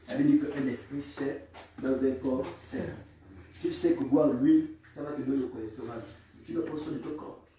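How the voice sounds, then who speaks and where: A man preaching a call-and-response sermon as pastor, exhorting the congregation, repeating lines for them to echo and breaking into shouts. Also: mid-range voice, steady tone, moderate pace, slight background noise. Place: large echoing church. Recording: very echoey hall, mic far off.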